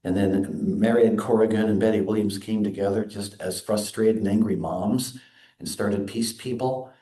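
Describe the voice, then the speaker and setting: A man minister giving an earnest, measured sermon in a church. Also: fairly low pitch, steady tone, warm tone. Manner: earnest, measured preaching with quoted readings. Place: church sanctuary. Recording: echoey sanctuary.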